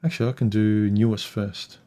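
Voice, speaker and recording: A man's voice: on the low side, fairly even intonation, fairly quick, warm tone. A man co-hosting a casual livestream chat with his wife, rambling, losing his train of thought and swearing casually. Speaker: co-host of a couple's livestream. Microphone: livestream microphone.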